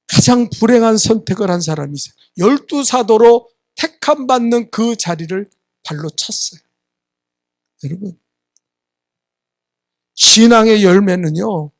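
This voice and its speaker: A man's voice: high-pitched, creaky, no echo, studio quality. A man preaching a sermon as a church's senior pastor, emphatic and prodding his listeners, sometimes acting out congregants' voices. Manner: acts out congregants' voices in asides. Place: church sanctuary.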